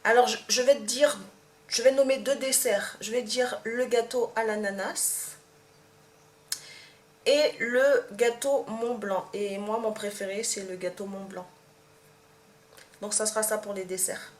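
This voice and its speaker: A woman's voice: medium pitch, steady tone, normal speed. Young Martinican woman vlogging in echoey room. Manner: hesitant, many fillers and restarts. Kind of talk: casual tag video to camera. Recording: echoey room, faint background hum.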